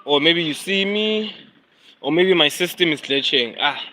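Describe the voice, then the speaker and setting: A man's voice: on the high side, lively intonation, measured pace, sharp tone, low-quality recording. A South African man, a rapper and vlogger, chatting casually and rambling on a phone live stream from a neighborhood street. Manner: rambling, slangy, apologetic about glitches.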